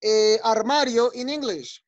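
A male teacher leading an online class for young children. He is patient and encouraging, repeating each word slowly and checking in often. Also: very high-pitched. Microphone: video call. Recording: dull lo-fi video call audio.

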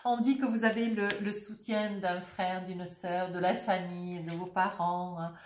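A woman's voice: on the low side, little pitch movement, unhurried, roomy sound, slight background noise. A woman with a head cold giving a casual, jovial tarot reading to her viewers, chatty and full of little filler tags. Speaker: tarot reader.

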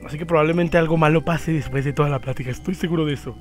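Man, let's play commentary, blunt, swearing, fairly high voice, faint music. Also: rapid-fire. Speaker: gameplay commentator.

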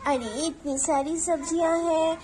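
A woman's voice: very high voice, steady tone, unhurried, noisy background. A woman doing a fussing village mother. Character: village mother, homely and cheerful.

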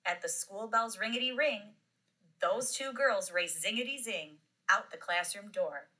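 A woman reading a children's picture book aloud, rhythmic and expressive, swooping up on the playful words. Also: mid-range voice, a little slow, low-quality recording. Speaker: storyteller.

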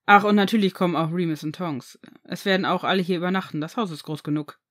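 A woman reading aloud as a calm, stern aristocratic father, speaking in a measured, steady way. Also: on the low side. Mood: explaining.

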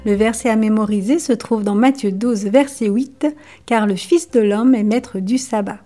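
A woman presenting a children's Bible lesson, reading a story in a steady, clear way. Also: on the high side, normal speed, faint music behind.

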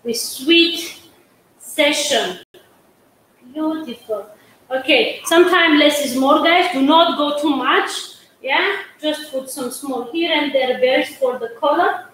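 A middle-aged pastry chef from Georgia, speaking with a Georgian accent and chatty, broken English, demonstrates a cake live and coaxes her viewers along. Her voice is high and fairly bright, and she speaks slowly. The indoor setting is a large studio kitchen that sounds echoey, with a faint hum.

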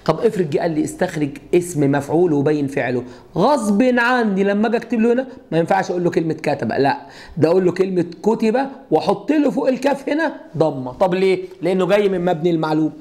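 High-voiced Egyptian man teaching grammar. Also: lively intonation, fast, darkish tone. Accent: Egyptian Arabic. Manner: explains step by step with repeated rhetorical questions to students. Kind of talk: classroom lesson at a whiteboard.

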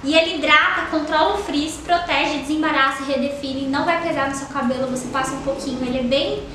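A woman's voice: sits high, fairly even intonation, a little fast. A young Brazilian woman in her twenties reviewing beauty products in a chatty, gushing way, filling her talk with little tag questions. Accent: Brazilian Portuguese. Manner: chatty, gushing, lots of fillers like "tá?" and "ó". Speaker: beauty vlogger. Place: small indoor room with a sofa. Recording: very echoey room with faint noise.

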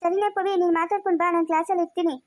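A young woman playing a blunt, practical student friend who talks in a brisk, scolding way in a family skit. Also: very high-pitched, steady tone. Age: young adult. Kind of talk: amateur family skit acting.

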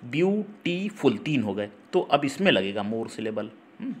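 A man's voice: on the low side, very animated, slight background noise. Hindi-speaking man teaching English grammar. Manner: repetitive, checks in with listeners (ठीक? हम्म?); spells out words letter by letter and reads English sentences slowly. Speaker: English teacher for exam prep.

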